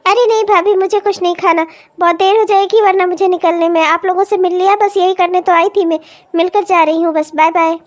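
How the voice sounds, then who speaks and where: An elder married daughter in a cartoon, brushing off her sister-in-law with curt, defensive replies. The voice sits very high. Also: steady tone, a little fast. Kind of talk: cartoon comedy voice acting.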